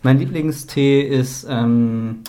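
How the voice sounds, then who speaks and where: A man's voice: mid-range voice, takes it slowly, warm tone, a little hiss or hum. A man, co-hosting a casual chat, rambling and playful, often restarting his sentences. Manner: rambling, self-correcting, playful.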